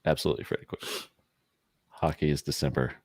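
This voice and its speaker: Upbeat male host, low voice, dry close sound. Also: fairly even intonation, quick pace, husky, no room sound. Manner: upbeat quiz-master, laughs often. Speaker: host running trivia. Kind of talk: casual live-stream chat.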